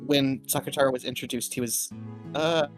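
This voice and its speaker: A casual speaker on an online voice call whose audio keeps breaking up and dropping out. They talk in halting fragments that trail off mid-sentence. The voice sits at an ordinary middle pitch. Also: steady tone, soft background music, poor audio. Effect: choppy online call audio that keeps cutting out. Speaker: book club participant. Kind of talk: casual group chat over a voice call.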